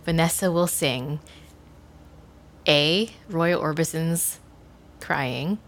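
A woman's voice: low voice, extremely slow. A woman hosting a podcast in casual chat, playful and teasing with her co-host.

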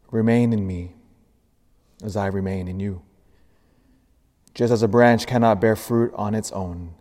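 A priest reading the gospel and preaching earnestly in a cathedral echo, building emphasis through lists. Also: male voice, fairly low pitch, darkish tone. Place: large church. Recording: long reverb of a large church.

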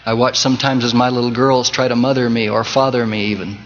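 A male pastor delivering a Sunday sermon, swinging from loud emphasis to soft, close tones and quoting scripture in old-fashioned cadence. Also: mid-range voice, flat delivery, fast, slight background noise. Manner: preaching with wide swings in loudness and emphasis. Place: church sanctuary. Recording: dull 1980s church tape with long reverb.

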